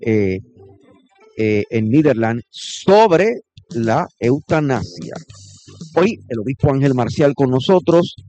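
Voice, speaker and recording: A man hosting a radio news segment, reading headlines in a brisk delivery. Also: mid-range voice, warm tone, muffled recording.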